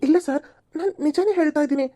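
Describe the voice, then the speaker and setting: A woman's voice: medium pitch, fast, mellow, dry recording, studio quality, natural voice. A woman doing an exasperated cartoon young man. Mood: pleading. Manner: scolding, exasperated, pleading. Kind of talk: amateur cartoon voice acting.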